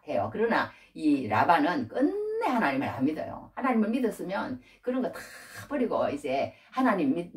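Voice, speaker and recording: A woman giving a casual Bible-study sermon, retelling the story with lively asides and frequent prompts to her listeners. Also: low voice, distant mic. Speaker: Bible teacher.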